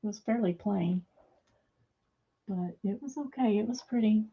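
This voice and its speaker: A woman's voice: medium pitch, a little slow, slightly rough, dull audio. A middle-aged woman hosting a craft video from her home studio, chatting casually and rambling with many fillers as she sews. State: hands a little weak, fumbling.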